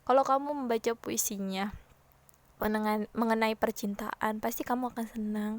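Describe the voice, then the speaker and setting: A woman teacher giving a casual lesson, lively, acting out example lines loudly and in hushed tones. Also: on the high side, normal speed, dry recording.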